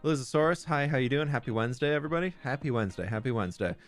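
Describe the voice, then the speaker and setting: A man's voice: mid-range voice, very fast, faint music behind. A young man live-streaming from a room at home, chatting casually and greeting viewers by name. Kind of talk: casual live-stream chat while gaming.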